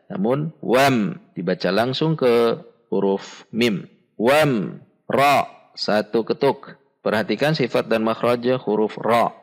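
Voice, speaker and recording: Slow, patient male tajwid teacher. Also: lowish voice. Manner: slow, deliberate, spells out syllables and drawn-out recited words; patient, instructive, repeats corrections. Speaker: Quran recitation teacher. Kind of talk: step-by-step tajwid lesson.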